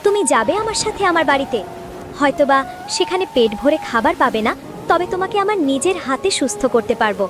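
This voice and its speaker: A woman voicing a gentle, plaintive, downtrodden young village wife in a cartoon fairy tale. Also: high-pitched, sing-song, fairly quick, over music. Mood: concerned. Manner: plaintive, tender.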